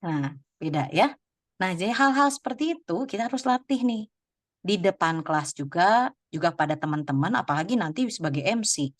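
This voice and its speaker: A woman's voice: lowish voice, animated, moderate pace, dry recording, clean studio sound. A woman giving a webinar to teachers over a video call, chatty and laughing often as she calls on participants by name. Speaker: webinar presenter. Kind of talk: lively teaching talk to teachers.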